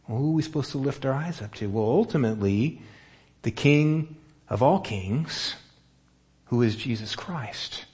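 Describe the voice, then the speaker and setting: A man's voice: medium pitch, dark tone. A man preaching a sermon in a casual, conversational way, asking his listeners questions as he goes. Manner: conversational, asks the room questions. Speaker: pastor.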